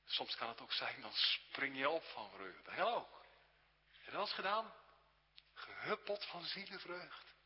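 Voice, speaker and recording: A man's voice: fairly high pitch, lively intonation, measured pace. Earnest male preacher in a reverberant hall. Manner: earnest, swings from hushed whispers to raised exclaims. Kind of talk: sermon. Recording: dull sound with long hall reverb.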